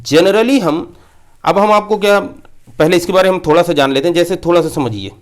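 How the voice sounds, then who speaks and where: Man teaching maths, slightly high voice. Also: normal speed. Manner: explains patiently, repeats key points, mixes English terms. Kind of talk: classroom lecture.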